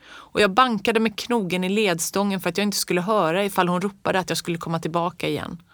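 A woman narrating a children's story in the first person, reading calmly and evenly. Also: fairly low pitch, no room sound, studio quality. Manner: calm, even reading. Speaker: audiobook reader.

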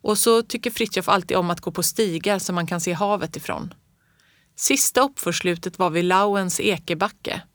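A woman narrating a children's story in the first person, reading calmly and evenly. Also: fairly low pitch, dry recording, studio quality. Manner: calm, even reading. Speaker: audiobook reader.

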